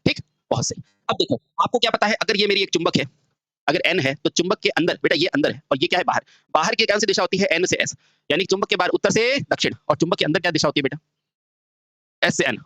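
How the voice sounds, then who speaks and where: A man's voice: a little high, a bit bright, no echo. A man teaching a lesson, constantly asking the class questions and answering them himself, calling the students "beta". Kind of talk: classroom-style lecture.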